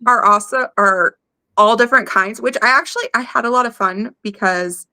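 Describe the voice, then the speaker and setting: A woman co-hosting a podcast, easygoing and quick to giggle. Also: a little high, pushed and bright. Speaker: podcast co-host. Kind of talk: casual chat.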